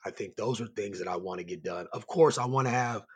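Hoarse, raspy man in an interview. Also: on the low side, a little fast. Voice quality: raspy, strained voice. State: hoarse from yelling. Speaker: high school basketball coach and site coordinator, guest. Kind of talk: conversational interview answers.

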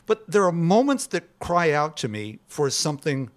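A man's voice: on the high side, very animated, moderate pace. Articulate man reading his notes. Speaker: podcast guest. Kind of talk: casual chat.

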